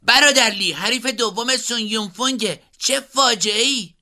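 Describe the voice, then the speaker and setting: A man doing a high, bright-voiced young sidekick in a storybook reading. He exclaims eagerly and excitably, with a sharp, forceful ring to the voice. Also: heavily acted. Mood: alarmed. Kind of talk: audiobook character voice.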